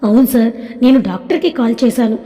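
A woman's voice: on the high side, fast, dark tone, big-room sound, close to an everyday voice. A woman voicing a dutiful middle-aged man who works for the family, reporting respectfully. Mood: concerned.

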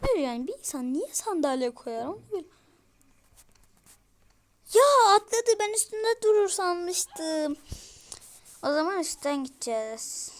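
A woman giving casual let's-play commentary to her viewers, easily frustrated and breaking into loud exclamations. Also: high-pitched, sing-song, normal speed. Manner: talks straight to her viewers. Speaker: gaming streamer.

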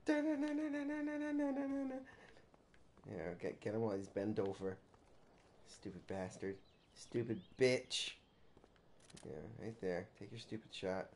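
A man's voice: low-pitched, steady tone, moderate pace, gravelly, dark tone, slight background noise. A man streaming a video game with casual, profane commentary, rambling and repeating words for emphasis.

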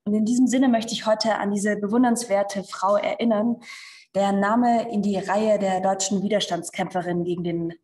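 A woman, a stage actor, giving a calm, measured reading at a live event. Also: mid-range voice.

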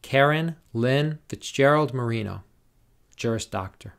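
A man formally reading out graduates' names and degrees at a commencement, in a slow, measured, deliberate way. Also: mid-range voice, creaky, a bit bright. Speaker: commencement name reader.

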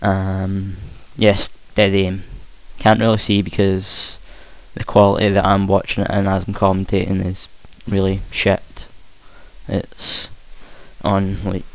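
A young man with a broad Scottish accent gives casual, hesitant gameplay commentary, trying to speak clearly, on a hissy home recording. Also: deep voice, completely flat delivery, slow, no room sound, low-quality recording. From Scotland. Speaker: gaming commentator. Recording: hissy home mic with faint noise. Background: game gunfire.

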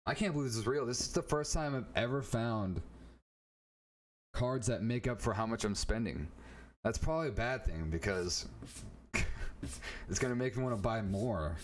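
A man streaming live as he opens trading card packs, chatting casually and getting excitable as he talks to a viewer by name. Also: mid-range voice, moderate pace, pauses often, slight background noise.

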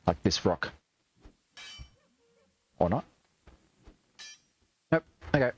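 Australian man in lively, swearing game chatter. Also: fairly low pitch, very slow, husky, dull audio. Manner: chatty, swears and jokes while playing. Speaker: streamer. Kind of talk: gaming livestream commentary.

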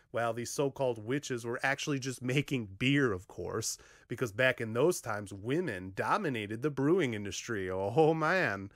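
A man's voice: mid-range voice, no echo. A man in his thirties reacting to a news story in a home vlog, chatty, with frequent "uh" fillers, speaking into a studio microphone in a small room. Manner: chatty, frequent "uh" fillers, animated hand gestures. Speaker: vlogger. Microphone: studio condenser mic on a stand in front of him.

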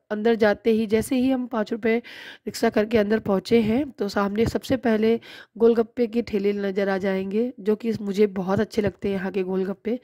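Warm and mid-range, this vlogger's voice, recorded dry, carries a casual voice-over for her shopping video. The woman, in her thirties, chats along and explains what things cost and how she bargained.

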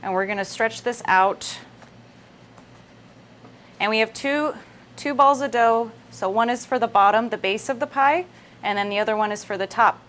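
Her voice on the high side and a bit bright, the thirtysomething host moves at normal speed and pauses often while casually walking viewers through a live cooking demo. She works at a wooden worktop on an indoor kitchen set, amid noisy kitchen ambience.

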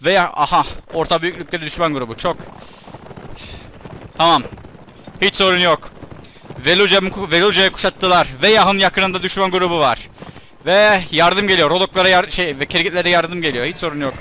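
A man doing casual let's-play commentary with a Turkish accent, excitable and shouting at enemies during battles. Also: high-pitched, normal speed, a little hiss or hum. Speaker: gaming YouTuber.

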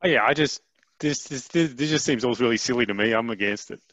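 A man's voice: medium pitch, quick pace, a bit bright. A man on a council video call, giving his views bluntly. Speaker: council member. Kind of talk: meeting discussion. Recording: dull, dry video-call audio.

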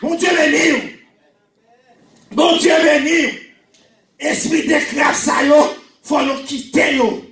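A high-pitched middle-aged man with a Haitian Creole accent preaches in a small church, often shouting and repeating phrases for emphasis. His handheld microphone is picked up from a distance, so the voice sits back in the room. The church space adds a noticeable echo. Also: steady tone, slow, pauses often. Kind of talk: sermon. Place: small church hall with pulpit.

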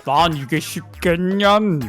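A man's voice: sits high, unhurried, loud music behind the voice. A man voicing a geeky, cutesy otaku devoted to his anime sweetheart, with odd sentence endings, in improvised comedy banter. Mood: smug, playful.

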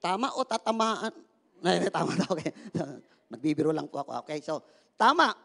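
A man's voice: a little high, big pitch swings, moderate pace, creaky, fairly bright tone, big-room sound. A male pastor preaching a sermon in a playful way, joking with the congregation, asking for their replies, and mixing English phrases into his talk. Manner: mixes English phrases into speech.

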